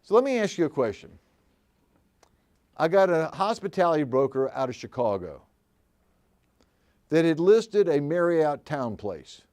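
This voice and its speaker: A man's voice: a little high, big pitch swings, moderate pace, pauses often, a little mellow. An older man teaching commercial real estate agents at a live seminar, telling folksy stories and asking the room questions. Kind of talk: live seminar talk to an audience.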